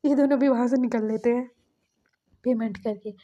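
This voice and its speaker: A woman's voice: on the high side, fairly even intonation, normal speed, warm tone, muffled recording. A woman narrating a fan story in a casual, chatty way, full of filler words.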